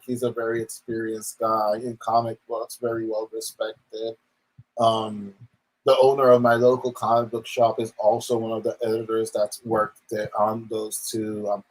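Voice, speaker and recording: A man's voice: lowish voice, rough recording. A man delivers a casual opinion rant in the manner of an online commentator. He rambles along, leaning often on little verbal tics.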